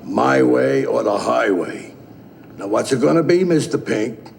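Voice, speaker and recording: An actor playing a gruff, bossy older male crime boss with a gravelly voice, blunt and profane in crime film dialogue. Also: medium pitch, expressive, a little slow. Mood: irritated, commanding. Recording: noisy, long reverberant room sound.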